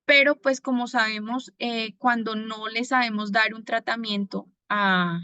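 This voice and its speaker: A woman from Bogotá with a Colombian accent, giving a personal faith testimony in an earnest manner, pausing often to gather her words. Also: on the high side, fairly even intonation, sharp tone, clean tone, no room sound, highs cut off. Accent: Bogotá Colombian Spanish. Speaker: testimony giver.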